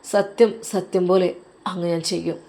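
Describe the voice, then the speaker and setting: A woman's voice: fairly low pitch, fairly even intonation, moderate pace, vocal fry, mellow. An earnest, determined young husband, as a woman narrator puts him on, speaking with resolve. The voice keeps a Malabar Malayalam accent.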